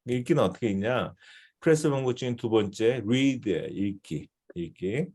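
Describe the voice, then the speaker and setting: A man's voice: on the low side, expressive, a little slow, darkish tone, slightly rough. A male missionary teaching a devotional seminar in a conversational way, often checking in with his listeners.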